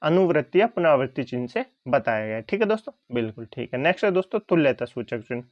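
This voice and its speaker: A male teacher giving an exam-prep lesson, who asks his own questions and then answers them, rising on each check and dropping low on the answer. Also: sing-song, fast talker, no echo, highs cut off.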